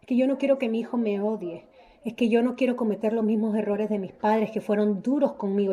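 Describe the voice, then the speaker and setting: Warm-voiced woman teaching a Bible study. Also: on the high side. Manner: emphatic, repeats key phrases, checks in with "¿ok?".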